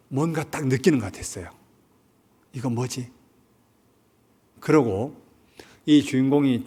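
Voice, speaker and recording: Korean pastor preaching with questions. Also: male voice, medium pitch, a little mellow. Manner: retells a film story, asks the congregation questions. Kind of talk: Sunday sermon. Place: church sanctuary.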